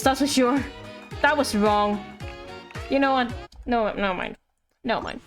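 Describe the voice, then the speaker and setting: A giggly, playful woman live-streams games and chats casually with music playing behind her. Her voice is high and a bit bright.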